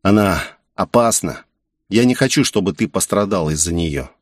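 A man's voice: sits low, animated, normal speed, dry recording, clean studio sound. A man voicing a serious young man with secret powers who speaks firmly and earnestly. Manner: firm, earnest, persuasive.

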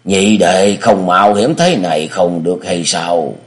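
A man voicing a hesitant old male sect leader who speaks slowly and shakily. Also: sits low. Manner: slow, wavering, cautious.

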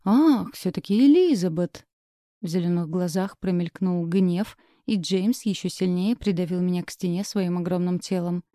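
A woman reads a first-person romance novel aloud in an expressive, steady storytelling manner. Her voice is dark and mellow, pitched a little low. The recording is dry and close-miked, with no room sound. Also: normal speed, few pauses, dry recording. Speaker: audiobook narrator. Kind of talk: scripted first-person narration.

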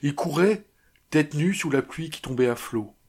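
A man's voice: on the high side, expressive, normal speed, a little mellow, breathy edge. A man narrating a classic novella as an audiobook, reading dramatically with strong emphasis.

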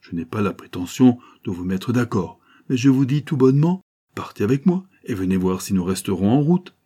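A man lifts his voice to play a jovial adventurer who talks fast and warmly to win people over. The lines ring higher and brighter than the narration, full of cheerful coaxing, and keep a husky edge. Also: lively intonation. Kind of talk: audiobook character reading.

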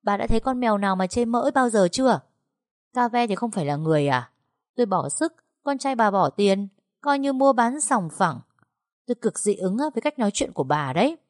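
A woman's voice: medium pitch, expressive, fairly quick, no room sound, studio quality, pitched above the performer's own voice, natural voice. A woman voicing a brash young woman who mocks and talks back in a storybook reading. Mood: mocking. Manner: sarcastic, cutting.

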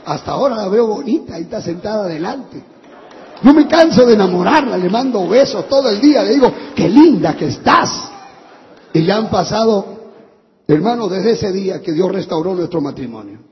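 A man, preaching a sermon as pastor with impassioned, sometimes shouted praise. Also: high voice, lively intonation, brisk. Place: large church hall. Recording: dull echoey church hall recording.

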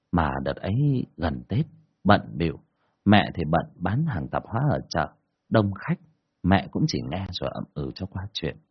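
Speaking in a low, slightly rough voice, a man recounts a first-person ghost story with colloquial, earthy expressiveness. It's captured in a dull, lo-fi recording.

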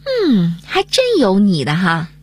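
Female co-host, husky, animated, playful comic banter. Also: mid-range voice, slow.

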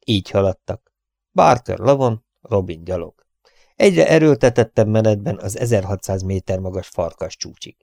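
Low gravelly male audiobook narrator. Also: dry recording, clean studio sound. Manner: steady storytelling reading. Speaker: audiobook reader.

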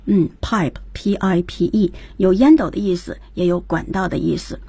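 A woman's voice: fairly low pitch, normal speed, warm tone, slightly rough, no echo. A woman co-hosting a radio English lesson, introducing each new word and repeating the teacher's points. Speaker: radio co-host. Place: radio studio.

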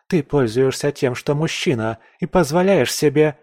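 A man's voice: fairly high pitch, expressive, normal speed, no echo, studio quality, voice pushed up, natural voice. A man voicing a haughty, defiant young woman. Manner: haughty, sharp-tongued, taunting. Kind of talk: audiobook character voice.

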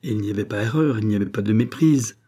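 A man's voice: on the low side, fast, mellow, close to an everyday voice. A man voicing an anxious, curious king questioning a hypnotized woman, in an audiobook. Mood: eager questioning. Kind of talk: audiobook character voice.

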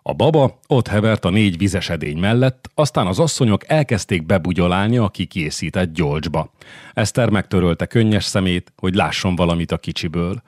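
A man narrating an audiobook in a steady, measured reading voice. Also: sits low, no room sound, studio quality. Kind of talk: scripted narration.

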